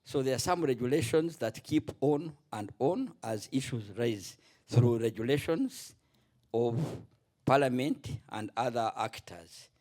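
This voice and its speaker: A middle-aged man giving a spontaneous remark at a conference panel, halting and restarting often. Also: mid-range voice, a little mellow. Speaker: panel contributor, former legislator.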